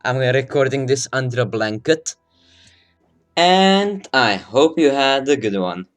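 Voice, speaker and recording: A man's voice: mid-range voice, big pitch swings, unhurried. Casual male guide narrator, recorded under a blanket, slightly winded, rambling and self-deprecating, faint music underneath. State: slightly out of breath. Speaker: video game guide maker.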